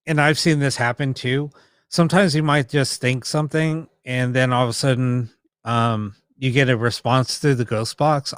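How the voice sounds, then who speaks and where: A man's voice: mid-range voice, clear, resonant tone, dry recording, studio quality. A man hosting a paranormal live stream, chatting casually and explaining things to viewers in a rambling, informal way. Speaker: host of a ghost box session live stream.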